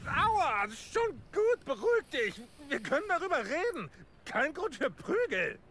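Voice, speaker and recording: A man's voice: very high voice, sing-song, measured pace, a bit bright, pitched above the performer's own voice, heavily acted. A man doing a blustering trader turned coward. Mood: cowering. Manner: brash threats, then whiny pleading. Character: blustering male market trader who turns cowardly. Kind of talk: reading game dialogue aloud in character.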